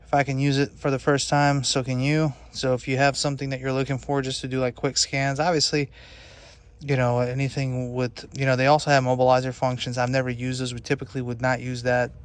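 A man working as an auto mechanic, casually talking through a hands-on demo of a diagnostic tablet from inside a car in a workshop, relaxed and matter-of-fact with a few fillers. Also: medium pitch, fairly quick, clear, resonant tone. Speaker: auto mechanic reviewing a scan tool.

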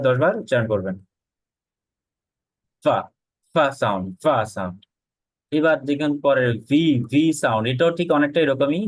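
A man's voice: mid-range voice, no echo, rough recording. Bengali-accented man teaching pronunciation. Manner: repeats practice phrases slowly, checks in with "ঠিক আছে?". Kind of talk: online class lesson.

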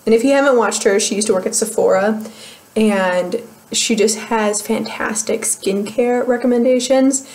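A young woman from the American Midwest, with a fairly high, slightly mellow voice at a moderate pace, chats casually in a beauty vlog. She rambles and laughs at herself while giving a product update, recorded on a webcam in a small room at home.

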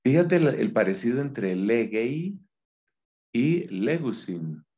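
A man's voice: mid-range voice, sing-song, slow, mellow. A man, a Dominican friar, giving a Bible Greek lesson and explaining each word patiently. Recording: dull lo-fi sound.

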